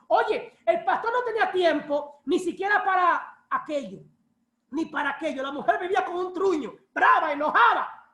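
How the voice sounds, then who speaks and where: A woman pastor preaching a personal testimony in a church, telling stories in a lively way and acting out what people said. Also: very high voice. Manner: lively storytelling, acts out quoted voices. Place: church hall. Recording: echoey church room.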